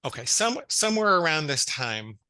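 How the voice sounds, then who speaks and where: Man, 50s, interview guest, earnest storyteller, frequent restarts, forceful tone. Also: a little high, very animated, normal speed, no echo. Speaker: guest psychologist. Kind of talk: casual interview chat.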